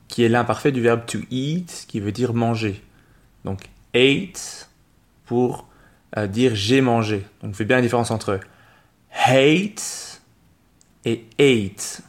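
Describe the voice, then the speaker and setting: A man co-hosting a podcast, teaching English pronunciation to French speakers and repeating each word pair slowly and carefully. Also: medium pitch. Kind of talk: slow, careful pronunciation lesson.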